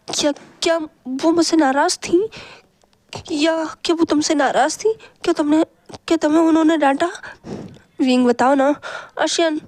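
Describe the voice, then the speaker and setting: A worried young woman pours out anxious questions in a high, pleading voice, as a female storyteller acts her out. The sound is close and dry. She frets and begs for answers. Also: a little mellow, dry recording, close to an everyday voice. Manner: pleading, breathless rush of questions. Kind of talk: storybook reading.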